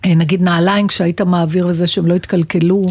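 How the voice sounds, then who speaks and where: A middle-aged woman from Israel co-hosting a radio show, chatting casually and telling lively stories with frequent laughter. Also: fairly low pitch, husky. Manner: lively, storytelling, laughs often. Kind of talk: casual chat.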